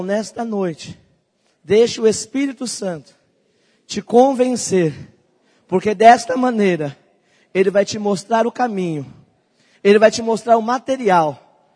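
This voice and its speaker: A young pastor preaches a sermon in a very high, husky voice. His delivery swings between soft, close asides and loud, ringing calls. It is all heard through the long echo of a big hall. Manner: preaching with swells from quiet to loud.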